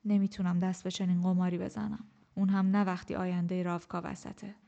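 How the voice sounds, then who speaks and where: A woman reading an audiobook, voicing a cold, commanding man who speaks curtly and slowly. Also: level tone, vocal fry, mellow, dull audio. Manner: slow, low-keyed, curt. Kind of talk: audiobook character voice.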